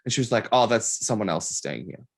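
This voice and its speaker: Fast and creaky, his voice on the low side, the young man hosting the podcast spins lively anecdotes in casual conversation, leaning heavily on "like."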